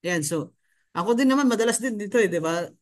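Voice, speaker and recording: A man with a high voice gives a motivational seminar talk. He speaks conversationally and keeps turning to the audience with questions. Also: animated, fast talker.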